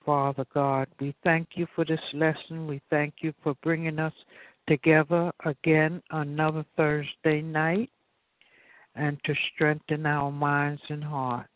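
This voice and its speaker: A man prays slowly and earnestly to open the meeting, often returning to "Father God". His voice sits fairly high. He is heard over a tinny phone line. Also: flat delivery. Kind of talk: opening prayer.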